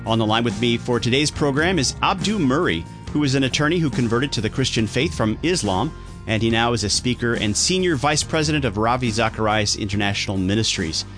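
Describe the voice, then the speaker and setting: A man's voice: mid-range voice, expressive, brisk, a bit bright, faint music behind. A man hosting a radio talk show, reading a polished introduction and asking interview questions. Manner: smooth, announcer-like delivery.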